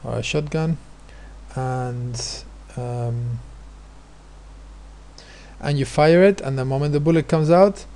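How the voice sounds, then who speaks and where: A man's voice: medium pitch, slow, long pauses, warm tone, slight background noise. A male teacher explaining physics exam questions, hesitant, with many fillers and restarts. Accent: non-American, his remark says so.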